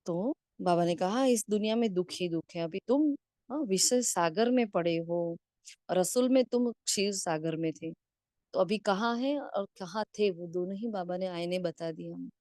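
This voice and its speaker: A woman's voice: on the low side, normal speed, a little mellow, no room sound, clean studio sound. A woman giving a spiritual discourse on a video call, asking rhetorical questions and checking in with frequent tag questions. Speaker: spiritual class teacher.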